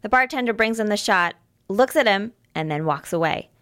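A woman's voice: mid-range voice, animated, normal speed, a bit bright. A woman narrating an amateur audio drama in a plain, matter-of-fact way.

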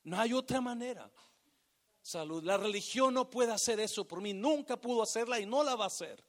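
A man preaching a sermon, swinging from hushed, drawn-out phrases to loud, emphatic bursts. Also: extremely high pitch, lively intonation. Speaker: pastor.

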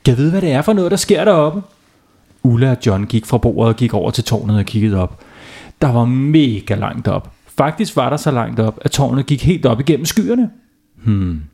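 A man's voice: mid-range voice, animated, creaky, mellow, husky. A man, a father, telling a silly bedtime story to children, playful and often asking them questions.

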